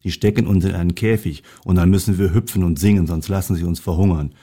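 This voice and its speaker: A man voicing a timid, fearful male carp in a storybook reading, in a low voice. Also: fairly even intonation, fast, mellow.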